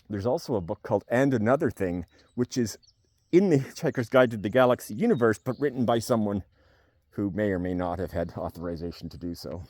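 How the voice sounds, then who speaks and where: A video blogger reviews a book while standing on a farm among cows, rambling to camera in a casual, spontaneous, wry and jokey way. His voice is on the low side and a little mellow, with no echo.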